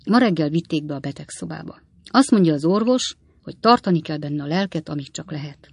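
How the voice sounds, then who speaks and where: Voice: medium pitch, lively intonation, vocal fry, slightly rough, dry recording. A reader voicing a gloomy, deferential male prison turnkey who speaks politely, in an audiobook. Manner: polite, says "sir" often. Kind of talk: audiobook character reading.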